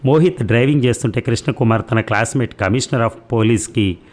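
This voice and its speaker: A man narrating a novel in an audiobook reading, calm and even. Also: mid-range voice, quick pace.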